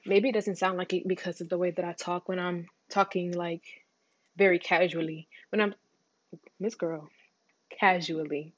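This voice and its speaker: A teenage girl hosts her own podcast in a loose, rambling chat. She talks fast, runs her words together and jumps between topics, peppering everything with slang. The recording is dry and a bit muffled. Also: lowish voice, little pitch movement, dry recording. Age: teens. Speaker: podcast host. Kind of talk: casual solo chat.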